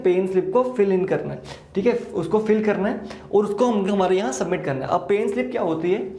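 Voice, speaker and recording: High-voiced man teaching accounts. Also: a little mellow. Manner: mixes Hindi and English, asks and answers his own questions. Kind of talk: exam-prep lecture. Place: classroom with a board. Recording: echoey room.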